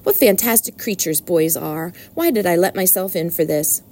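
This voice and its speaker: A woman's voice: on the low side, expressive, normal speed, dark tone. A woman voicing a grumpy, self-important male barn rat who complains in a fussy, wordy way. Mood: disgusted.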